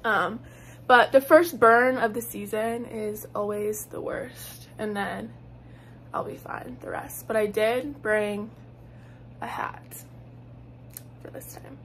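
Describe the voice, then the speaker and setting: A woman's voice: mid-range voice, fairly even intonation, takes it slowly, pauses often, a little hiss or hum. A young woman, chatting casually to camera in a vlog, upbeat and full of "like". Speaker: vlogger.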